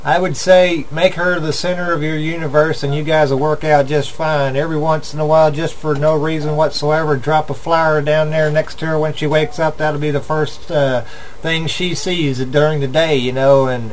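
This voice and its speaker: An older man with a fairly high-pitched voice and an Appalachian hillbilly accent. He chats as a radio host in a folksy, earnest, philosophizing ramble. There is some faint noise on the home recording. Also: little pitch movement, moderate pace, low-quality recording. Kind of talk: casual chat.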